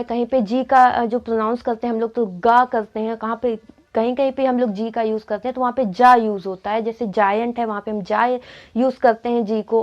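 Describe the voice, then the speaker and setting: High-voiced woman teaching spelling rules. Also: a little mellow, dull audio. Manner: asks and answers her own questions. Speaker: English teacher. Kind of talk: classroom-style spelling lesson.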